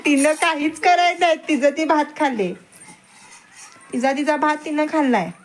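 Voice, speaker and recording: A woman's voice: high voice, normal speed. A young mother from Satara, coaxing and scolding her small children in a casual home vlog. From Satara district, Maharashtra. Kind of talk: casual family vlog chat. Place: family home. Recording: noisy home recording.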